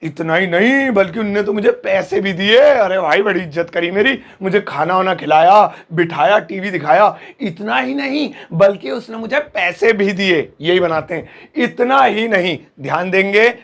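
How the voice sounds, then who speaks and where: A man teaching English phrases to Hindi speakers, drilling each phrase slowly word by word with playful asides to viewers. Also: high-pitched, animated, vocal fry, fairly bright tone. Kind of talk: Hindi-language English lesson.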